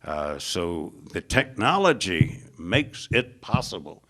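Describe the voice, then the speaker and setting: A man's voice: very animated, slow pace, pushed and bright. An American man giving a public lecture on foreign policy, speaking emphatically and stacking up lists, with frequent "uh" fillers. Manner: emphatic, builds lists with rising pitch.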